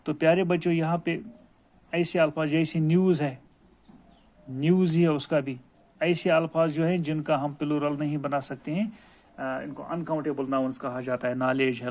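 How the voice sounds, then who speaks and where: A man's voice: a little high, little pitch movement, a little mellow. Kashmiri man teaching children grammar. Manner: explains patiently, addressing pupils as dear children. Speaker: school teacher. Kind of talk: classroom grammar lesson.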